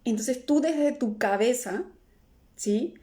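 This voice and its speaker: Speaking slowly in a soft, mellow voice on the high side, a middle-aged emotional healing coach holds a live stream. Almost every phrase gets a "¿no?" or "¿sí?" tag as she checks in with her audience, and she reads out and responds to comments as they come in.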